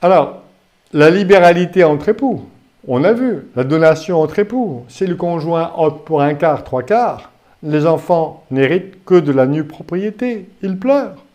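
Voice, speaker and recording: A male law lecturer with a fairly high but mellow voice, talking to his students in a recording studio. He keeps it lively with jokes and quick questions to the class. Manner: lively, joking, with rhetorical questions.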